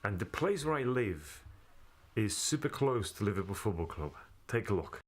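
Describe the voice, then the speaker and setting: A man talking to camera in a reflective vlog, earnest and thoughtful, pausing on fillers. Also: lowish voice, very animated. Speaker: vlogger.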